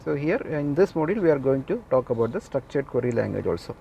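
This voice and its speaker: A man's voice: medium pitch, big pitch swings, quick pace, gravelly, mellow, slightly rough, highs cut off. A man lecturing a class, repeating key points and often checking with the listeners that they follow.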